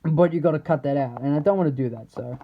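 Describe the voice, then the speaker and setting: A man giving a casual, unscripted product showcase as an action figure reviewer, rambling haltingly and trailing off mid-thought. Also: fairly high pitch, dull audio, slight background noise.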